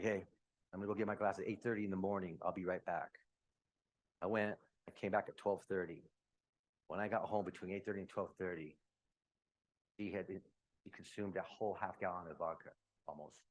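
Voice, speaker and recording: A man giving a personal testimony talk as a guest speaker, telling his story conversationally, dropping low and quiet and then breaking into loud outbursts. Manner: conversational, uses slang like "man".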